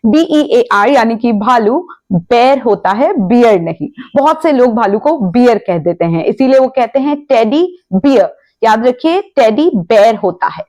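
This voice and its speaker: A woman's voice: on the high side, animated, unhurried, dark tone. A woman teaching pronunciation in a patient lesson, spelling words out letter by letter and repeating each correction. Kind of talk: explanatory lesson.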